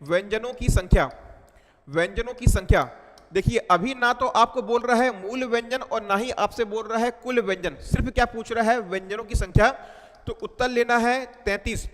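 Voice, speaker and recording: A man with a high voice gives an exam-prep lecture, going over each point several times and quizzing the class with questions as he goes. His voice rings with a long reverb, as if in a big hall. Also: normal speed, fairly bright tone. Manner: repetitive, quizzing students with questions. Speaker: teacher.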